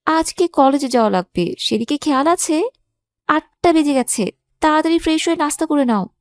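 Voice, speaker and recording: A woman's voice: high voice, animated, normal speed, dry recording, studio quality. A woman playing a young sister-in-law who hurriedly reminds others of the time in a Bengali audio drama. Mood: brisk.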